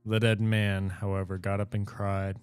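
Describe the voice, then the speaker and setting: A man reading fairy tales aloud in a casual, unhurried way. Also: fairly low pitch, little pitch movement, darkish tone, smooth, soft background music.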